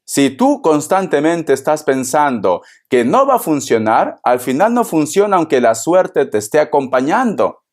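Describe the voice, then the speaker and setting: A man's voice: on the high side, very animated, unhurried, hardly any pauses. A man giving a casual tarot reading, speaking affectionately and calling the listener by endearments. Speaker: tarot reader.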